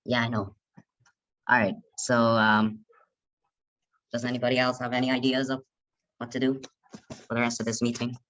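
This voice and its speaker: Man leading a video-call lesson: halting, even-toned, dull dry call sound. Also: medium pitch, dry recording. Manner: halting, hesitant, many restarts. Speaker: online lesson leader. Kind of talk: leading an online group lesson. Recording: muffled video call audio.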